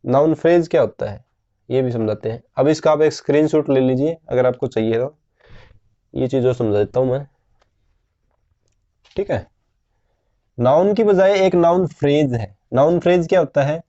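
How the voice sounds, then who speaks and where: A man teaching a grammar lesson, explaining slowly and patiently and asking his students questions as he goes. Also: a little high, dark tone, lo-fi sound.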